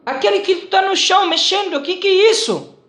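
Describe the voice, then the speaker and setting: A man voicing a frail old father in a parable, who keeps asking the same question and grows louder. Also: very high voice, a little fast, reverberant, voice pushed up. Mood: insistent. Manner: asks again and again, rising to a shout.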